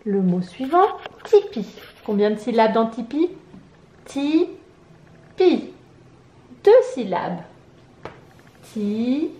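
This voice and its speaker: Slow, sing-song French woman teacher. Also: a little high, big pitch swings, warm tone, reverberant. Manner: claps out syllables slowly and asks the child questions. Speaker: preschool teacher. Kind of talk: slow, sing-song phonics lesson for young children.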